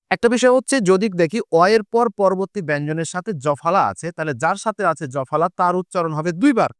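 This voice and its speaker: A man with a fairly high, smooth and resonant voice teaches a grammar lesson for exam students. He explains each rule step by step, poses questions and answers them himself, and draws out example words slowly. The sound is dry and close, with little room echo. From Bangladesh. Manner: explains step by step, repeats rules, asks and answers his own questions. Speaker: Bangla teacher.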